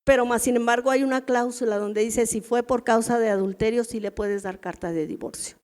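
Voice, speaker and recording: A middle-aged Mexican woman gives a casual, talky church lesson to a room of women. Her voice sits a bit high, and she keeps turning to her listeners with quick questions. It feels like everyday preaching rather than a formal sermon. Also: fairly even intonation, darkish tone. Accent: Mexican Spanish. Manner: chatty, asks the audience rhetorical questions. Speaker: women's ministry teacher. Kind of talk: conversational church teaching.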